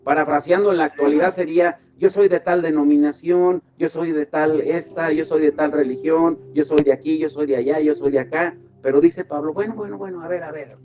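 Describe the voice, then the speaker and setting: Fairly high-pitched and fairly quick, with fairly even intonation and few pauses, a pastor teaches a devotional Bible study. He directs the group to verses and asks them rhetorical questions in this teaching sermon, recorded slightly dull with music underneath.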